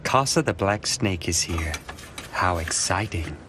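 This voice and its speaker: A man's voice: deep voice, lively intonation, unhurried, a little hiss or hum. A man voicing a cocky, laid-back vampire mentor in an English anime dub. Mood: amused. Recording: loud music behind the voice.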